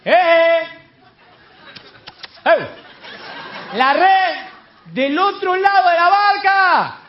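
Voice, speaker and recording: An Argentine man preaching, voicing Jesus as he shouts to the fishermen from the shore. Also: high voice, very animated, a little fast, reverberant, a little hiss or hum. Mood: calling out. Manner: loud calling shout. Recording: dull live sermon recording, faint crowd.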